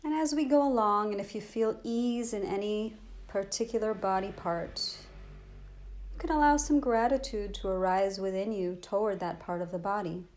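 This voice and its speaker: A woman with a medium-pitched voice leads a guided body scan meditation, speaking gently and soothingly at an unhurried pace with long pauses.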